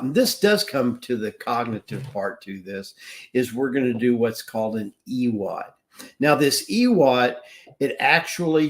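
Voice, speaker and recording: A man in his sixties in casual live-stream talk, earnest and rambling, often restarting his sentences. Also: medium pitch. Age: 60s. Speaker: wellness business owner.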